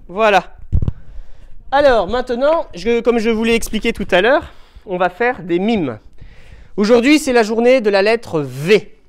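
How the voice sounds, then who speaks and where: A man teaching young children in a classroom, speaking slowly and patiently through a face mask and sounding out letters. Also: sits high, animated. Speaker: primary school teacher. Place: school classroom. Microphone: handheld mic held by a pupil.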